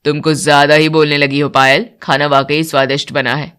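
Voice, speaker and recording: Dutiful young husband in a lowered voice, put on by a woman narrator. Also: little pitch movement, a little fast, a bit bright, smooth. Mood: mild. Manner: lowered voice for a man.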